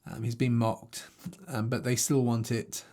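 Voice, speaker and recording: A man's voice: mid-range voice, flat delivery, measured pace, warm tone. A man reading scripture aloud and teaching on it in a conversational way, thinking aloud with restarts, recording himself to a video camera. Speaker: Bible teacher. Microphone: self-recorded to a video camera.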